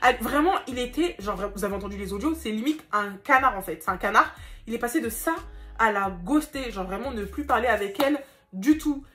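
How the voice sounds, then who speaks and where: Fast-talking woman telling a storytime vlog. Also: fairly high pitch, soft background music. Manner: animated, addresses viewers directly. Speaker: vlogger.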